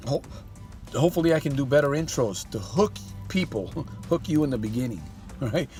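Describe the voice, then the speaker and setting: Over soft background music, a man acting as a life coach delivers a motivational monologue, firing rhetorical questions at the listener and calling them "my friend" in a folksy way. His medium-pitched voice is animated and darkish, at a normal speed.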